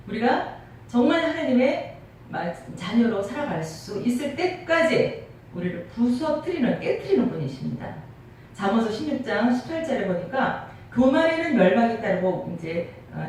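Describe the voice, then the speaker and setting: A middle-aged woman pastor from Seoul preaching a sermon in a church, crisp and clear-cut, posing questions to the congregation. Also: mid-range voice, a little mellow. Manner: crisp, clear-cut delivery with rhetorical questions and occasional laughs. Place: church sanctuary. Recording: echoey church hall, mic at a distance, faint noise.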